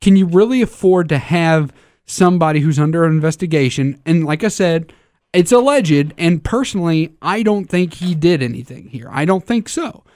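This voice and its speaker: A man's voice: on the high side, animated, moderate pace, a little mellow, no echo, clean studio sound. A man hosting a casual sports talk show, stammering through restarts as he poses questions to his co-hosts.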